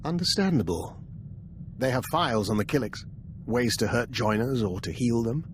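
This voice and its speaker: Lightly acted, this cutscene performance gives a shrewd, older scientist-spy character a medium-pitched male voice with lively intonation at a moderate pace. The delivery stays formal, wry, grave and precise, with a little hiss or hum in the audio.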